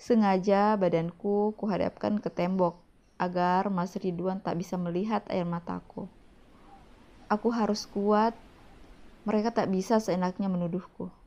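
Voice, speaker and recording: A woman's voice: medium pitch, fairly even intonation, a little slow, dark tone. A woman narrating a romance novel in the first person, with emotional, tense storytelling. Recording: dull lo-fi audio.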